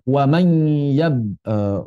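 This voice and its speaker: A man teaching Quran recitation with a mellow, warm tone at a mid pitch. He explains pronunciation rules casually, then demonstrates each Arabic sound slowly and repeats it several times. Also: highs cut off. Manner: relaxed, chatty asides. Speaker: tajwid teacher.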